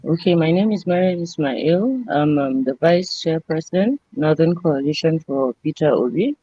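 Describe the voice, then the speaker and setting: A woman's voice: deep voice, expressive, moderate pace, mellow, a little hiss or hum. A woman introducing herself as a coalition vice chairperson over a conference call, hesitant with many fillers. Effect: heard through a conference call line. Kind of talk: online meeting introduction. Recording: dull lo-fi conference call audio from afar.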